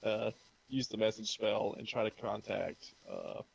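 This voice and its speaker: A man playing a tabletop game, thinking out loud in a hesitant way with fillers. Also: fairly low pitch, huge pitch swings, a little slow, gravelly, husky, highs cut off. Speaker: player. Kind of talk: casual tabletop game chat.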